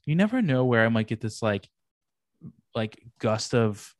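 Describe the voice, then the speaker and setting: Young dude on a podcast, hyped and slangy, swears a bit, dead dry mic. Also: male voice, medium pitch, measured pace, dry recording. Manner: animated, slangy, swears casually. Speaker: podcast co-host. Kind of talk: casual chat reviewing anime.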